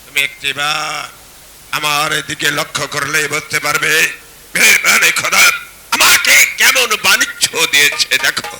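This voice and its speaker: An actor playing a pious, quick-tempered merchant husband in folk theatre, with a booming, declamatory delivery. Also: male voice, bright, forceful tone. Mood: solemn, proclaiming. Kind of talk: declaimed Bengali jatra folk theatre acting. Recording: hissy, noisy stage drama recording.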